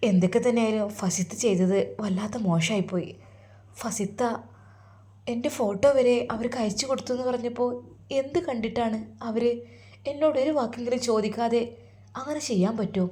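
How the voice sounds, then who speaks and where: A woman voicing a heartbroken, torn young man, speaking softly and sorrowfully. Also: medium pitch, a little fast, natural voice. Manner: soft, sorrowful inner monologue.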